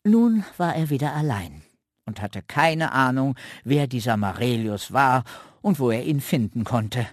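A man reading a children's radio story aloud with slow, expressive storytelling. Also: mid-range voice, no echo, clean studio sound.

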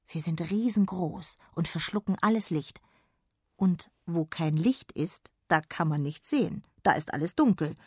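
A woman with a low, husky voice reads a children's bedtime story aloud, calm and gently expressive. The recording is close and dry, with no room sound at all. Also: measured pace, dry recording.

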